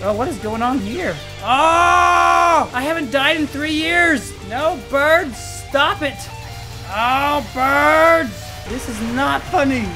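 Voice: sits high, expressive, takes it slowly, over music. A performer voicing a tusked walrus character who hosts game videos and yelps and shrieks at the game in playful commentary. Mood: excitable. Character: excitable tusked walrus gamer. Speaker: gaming video host. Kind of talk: let's play commentary.

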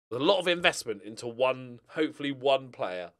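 A mid-range voice with a fairly bright tone belongs to a middle-aged British man streaming a football management game. Casual and jokey, he rambles while thinking aloud, shifting between quiet mutters and exclamations.

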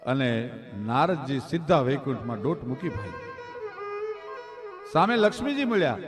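A man with a Kathiawadi Gujarati accent telling a devotional folk story on stage, declaiming dramatically and swinging between loud peaks and hushed drops. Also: medium pitch, sing-song, moderate pace, big-room sound, over music. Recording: live mix with violin accompaniment.

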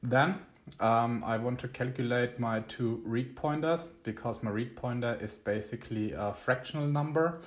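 A young man who isn't a native English speaker hosts an electronics screencast tutorial, explaining things in a halting way. His voice is medium-pitched.

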